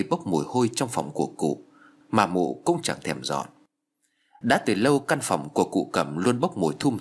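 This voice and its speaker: A man narrating a horror ghost story with dramatic, expressive delivery. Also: lowish voice, slightly rough.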